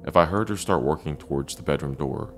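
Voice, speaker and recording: A man narrating a first-person scary story in a dramatic way with deliberate pauses. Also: extremely low pitch, faint music behind.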